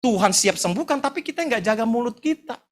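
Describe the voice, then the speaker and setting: A middle-aged man preaching a lively, humorous sermon, joking and telling stories in slangy speech. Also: extremely high pitch, fairly quick, faint music behind. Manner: animated, joking, slangy storyteller. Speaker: pastor.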